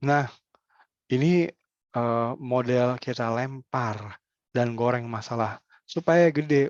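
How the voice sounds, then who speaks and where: Male trainer, casual workshop delivery, animated with acted-out asides; muffled, dry recording. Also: no room sound. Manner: animated, acts out example dialogues with lively pitch jumps. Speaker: trainer on health communication. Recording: dull muffled sound, dry.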